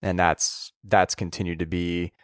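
A man co-hosting a casual podcast, talking in a halting way with pauses and restarts. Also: sits low, flat delivery, no echo, clean studio sound. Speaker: podcast co-host.

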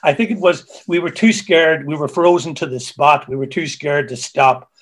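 A man, a musician guest who tells stories in a halting way, repeating words, heard over a video call. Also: a little high. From Ireland. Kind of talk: casual interview chat.

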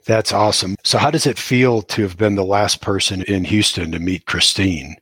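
A man hosting a casual interview, asking relaxed questions and laughing along. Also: lowish voice, normal speed, breathy edge, dry recording. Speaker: interview host.

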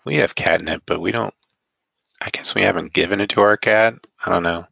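A man's voice: deep voice, fairly quick, gravelly, breathy edge, no room sound, muffled recording. A man in his forties chatting casually on a podcast, laughing and mocking himself. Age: 40s. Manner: laughing, self-mocking, quotes himself in put-on voices. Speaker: podcast co-host. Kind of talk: casual chat.

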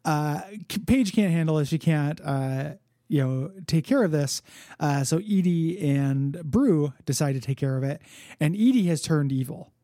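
A man's voice: fairly high pitch, lively intonation, unhurried, warm tone, no echo, studio quality. A man co-hosting a casual comic book podcast, talking loosely with joking, wry asides. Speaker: podcast co-host.

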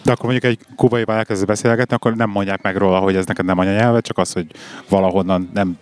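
Male podcast host, slightly low voice, informal interview chat with repeated, restarted phrases. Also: fairly even intonation. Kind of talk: casual conversational interview.

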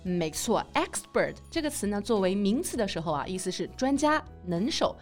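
A woman's voice: mid-range voice, sing-song, normal speed, faint music behind. A woman co-hosting a podcast lesson, explaining English words in a bilingual teaching chat and spelling them out letter by letter.

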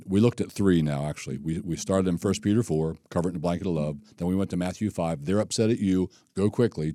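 A man's voice: sits low, no echo, studio quality. A male pastor teaching a sermon in a conversational way, acting out the scripture and the people he quotes. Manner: conversational, animated, acts out scripture and quoted speech.

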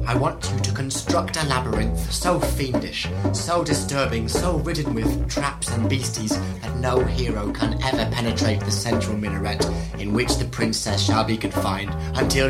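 A woman voicing an old, brutal tyrant king who speaks deep, slow and commanding, with music behind. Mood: grim commanding.

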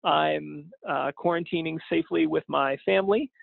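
A man hosting a podcast in a casual introduction, sounding distant from the mic, with a gravelly, husky voice. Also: fairly high pitch, moderate pace, no echo. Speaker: podcast host. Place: at home, remote from the studio. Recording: thin phone-like, distant-sounding home recording.

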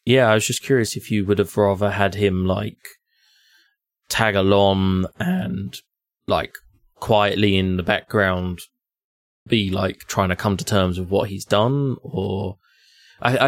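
A man's voice: fairly low pitch, steady tone, measured pace, no room sound. A man co-hosting a podcast, chatting casually about a video game, hesitant and often restarting his words.

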